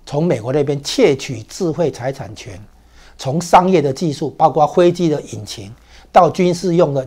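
A man's voice: fairly high pitch, a little mellow, slightly rough. A man with a Taiwanese Mandarin accent giving emphatic talk-show commentary, full of rhetorical questions and 啊 and 哦 fillers. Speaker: political commentator.

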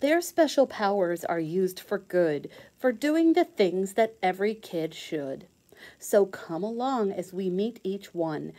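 This woman teacher, medium in pitch, takes her time reading a children's storybook aloud. She gives it a sing-song, expressive quality and stresses words clearly.

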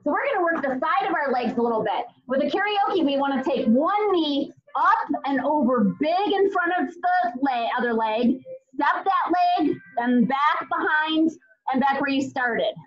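Woman fitness instructor, high voice, aerobics-class cueing and counting, encouraging, slightly dull lo-fi audio. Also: animated, moderate pace. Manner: encouraging, cueing in short commands.

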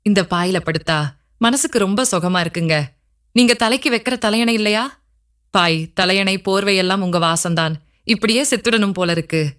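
A woman's voice: mid-range voice, moderate pace, a bit bright, clear, resonant tone, close to an everyday voice. A desperate, lovesick man pleads his devotion in a told story, put on by a woman narrator. His words come out earnest and emotional. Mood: tender.

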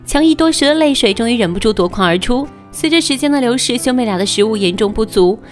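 A woman's voice: a little high, animated, fast talker. A woman narrating a film recap in a scripted storytelling style. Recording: narration over faint background music.

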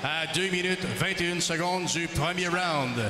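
Male boxing ring announcer, fairly high voice, formal drawn-out projection, reverberant noisy arena sound. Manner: booming boxing ring announcer delivery, stretching names. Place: large indoor boxing arena.

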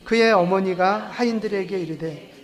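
A pastor delivers a sermon at a church service in a relaxed, conversational voice of middle pitch. The preacher jokes and laughs along the way and keeps turning to the congregation with questions. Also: moderate pace.

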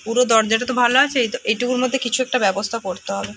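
Soft-spoken Bengali woman vlogging at home. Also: fairly even intonation, very noisy. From India. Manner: speaks softly and slowly, low mood. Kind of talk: casual home vlog.

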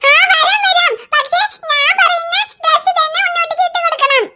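A woman's voice: very high-pitched, steady tone, fairly quick, pushed and bright, heavily acted. A woman voicing a bossy little girl in a cartoon who squabbles with her brother. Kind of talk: cartoon voice acting.

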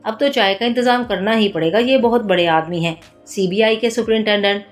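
A woman voicing a playful, mischievous young male detective who speaks in a teasing, mock-innocent way, over soft music. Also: mid-range voice, brisk, lightly acted.

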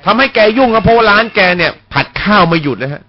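A man's voice: sits high, lively intonation, rapid-fire. Laughing, blunt radio talk host man. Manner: joking, blunt and profane, chuckles often. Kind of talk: casual political talk radio. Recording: lo-fi radio broadcast.

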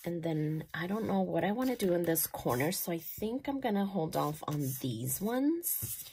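A woman in her thirties chatting casually as she decorates her planner, gushing and thinking aloud, sometimes dropping soft. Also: lowish voice, expressive, normal speed, slight background noise. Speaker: planner vlogger.

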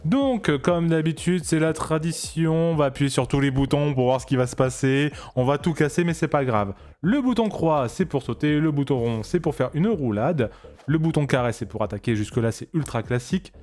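A man's voice: a little high, lively intonation, normal speed, darkish tone. A man giving casual, joking commentary while playing a game on stream, chatty with frequent restarts. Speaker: let's play streamer.

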